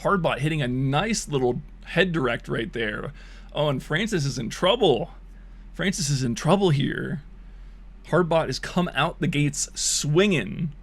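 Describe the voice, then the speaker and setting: Unhurried and animated, a man with a fairly high voice streams hyped fake esports commentary over bot matches. He laughs and jokes crudely, and his voice is wearing thin as he loses it.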